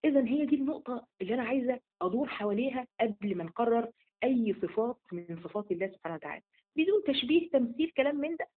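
A woman's voice: on the high side, lively intonation, rapid-fire. A woman with an Egyptian accent giving a casual religious lesson, firing rhetorical questions and checking in with her listeners. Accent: Egyptian Arabic. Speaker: religious teacher. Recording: tinny phone-like audio.

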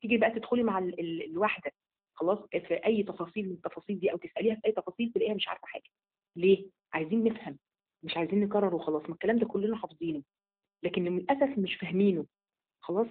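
A woman's voice: medium pitch, very fast, husky. A woman with an Egyptian accent giving a casual religious lesson, firing rhetorical questions and checking in with her listeners. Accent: Egyptian Arabic. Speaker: religious teacher. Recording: tinny phone-like audio.

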